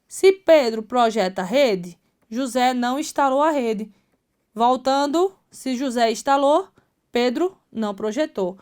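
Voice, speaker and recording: A woman with a Brazilian Portuguese accent teaches exam prep in a video lesson. Her voice sits a little high for a woman. She talks her students through each step and keeps checking that they are following. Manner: lively, coaxing, checks in with students often. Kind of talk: video lesson explaining logic exercises.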